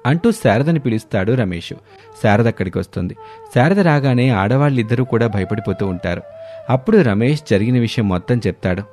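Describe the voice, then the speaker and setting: A man narrates a scripted children's story with music playing beneath his voice. He sounds animated and a little fast, medium in pitch with a darkish tone.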